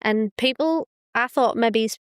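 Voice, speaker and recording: Smooth-voiced woman chatting earnestly. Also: fairly high pitch, unhurried, dry recording, clean studio sound. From England. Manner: earnest, enthusiastic, laughs often. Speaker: podcast guest, singer. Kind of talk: casual chat.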